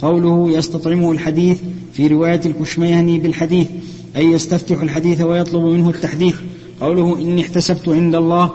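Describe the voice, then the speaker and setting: A man reads a classical text aloud in a lesson, his voice somewhat high and mellow. He keeps a flat, even recitation and corrects the odd slip as he goes. The recording is dull and lo-fi, with a long reverb from a big hall. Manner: steady, even recitation with small self-corrections. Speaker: student reading the text aloud for the sheikh.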